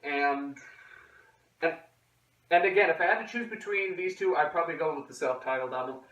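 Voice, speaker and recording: A man's voice: fairly high pitch, a little fast, a bit bright, highs cut off. A young man chatting casually and loosely to camera as the host of a vlog, rambling as he goes. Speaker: host of a music collection video series. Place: echoey indoor room. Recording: very echoey room, distant mic.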